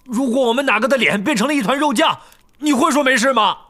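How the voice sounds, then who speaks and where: A man's voice: medium pitch, very animated, brisk, sharp tone, pitched above the performer's own voice. A man voicing a blunt, impatient teenage schoolboy in an audiobook. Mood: exasperated. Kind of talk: audiobook character voice.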